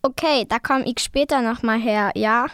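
Give me a strange, overly familiar stranger at the door, as a woman reading aloud plays him. The voice sits rather high and sounds dry and close, with little room around it. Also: moderate pace, fairly bright tone, clear, resonant tone, no echo. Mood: odd.

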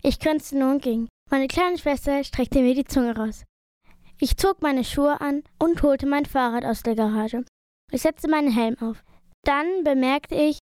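A woman's voice: high-pitched, a little mellow, no echo, studio quality. A woman reading a first-person story aloud in a plain, uneven reading voice. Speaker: narrator.

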